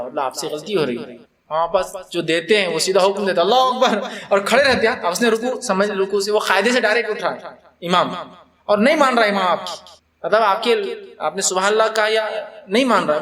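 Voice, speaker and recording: A man with a fairly high voice delivers a conversational religious lecture, animated and quick to act out the people he describes. A gathered audience can be heard around him in the room. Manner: lively, acts out people in the mosque. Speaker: Islamic religious teacher.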